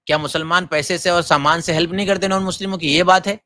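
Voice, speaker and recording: Forceful, scolding man. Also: high voice, fairly even intonation. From Gujarat, India. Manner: forceful, scolding, many rhetorical questions. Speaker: mufti teaching Islamic law. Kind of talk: lecture on religious rules.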